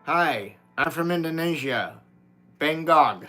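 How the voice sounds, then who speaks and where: A middle-aged American man hosts a live stream, reading viewer comments in a blunt, informal, casual way. His voice is on the high side with lively intonation and a slow pace. Loud guitar playing sounds behind him.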